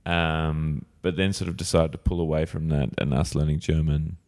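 An Australian man chats informally as an interview guest. His voice sits low, with plenty of fry and gravel in it. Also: level tone, moderate pace, a little mellow. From Sydney, Australia. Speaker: improv actor, podcast guest. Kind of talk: casual chat. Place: improv theatre performing room.

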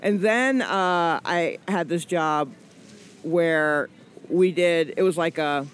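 Here a forty-something comedian from Atlanta speaks slowly in a fairly low register while being interviewed casually as a guest. She rambles, jokes, and fills pauses often in her Southern manner, against slight background noise.

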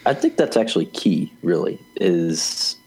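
Casting note: male podcast co-host, deep husky voice, loose rambling banter. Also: animated, measured pace, mellow, poor audio. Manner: rambling, restarts often, laughs easily. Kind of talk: casual chat.

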